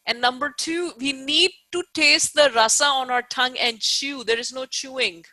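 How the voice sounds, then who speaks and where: A woman teacher delivers an informal live online lecture, explaining things emphatically, repeating key points, and often checking that listeners are following. Her high-pitched voice has a sharp tone at normal speed, with no room sound.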